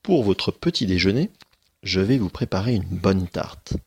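A man's voice: sits low, lively intonation, unhurried, creaky, slightly rough, exaggerated voice. A man voicing a clever, brave little girl in a children's story read aloud. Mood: eager.

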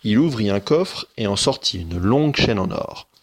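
A man who is a schoolteacher, reading a children's story aloud in a slow, expressive way. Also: on the low side, husky.

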